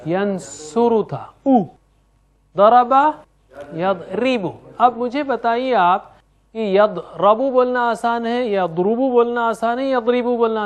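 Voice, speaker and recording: A middle-aged man teaching Quranic Arabic grammar, chanting verb forms in rhythmic drills and explaining them in sprinkled with English words. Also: high voice. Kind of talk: classroom lecture with drills.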